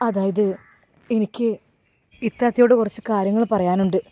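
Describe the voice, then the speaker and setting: A woman's voice: mid-range voice, fairly even intonation, normal speed, mellow, natural voice. A woman voicing a kind, earnest young man who protects his brother's widow, with a Malabar Malayalam accent. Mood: earnest, firm. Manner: earnest, firm and reassuring.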